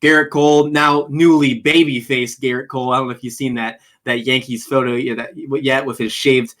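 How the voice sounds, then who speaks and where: An excitable man co-hosts a casual sports podcast and keeps firing quick questions at his partner. His voice sits at an ordinary middle pitch.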